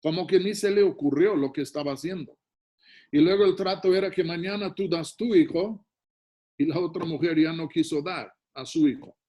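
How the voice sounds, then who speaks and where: A man's voice: on the high side, normal speed, dark tone. A man with a Mexican Spanish accent, preaching as a pastor and retelling and reading a Bible story with asides to the congregation. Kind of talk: sermon.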